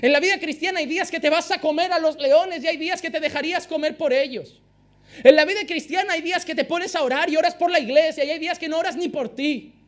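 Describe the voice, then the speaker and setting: High-voiced impassioned preacher. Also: male voice, quick pace. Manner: impassioned preaching, repeats phrases for emphasis. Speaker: pastor. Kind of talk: sermon.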